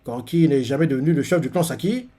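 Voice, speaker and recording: Calm female clan chief, read by a man. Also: medium pitch, quick pace, close to an everyday voice.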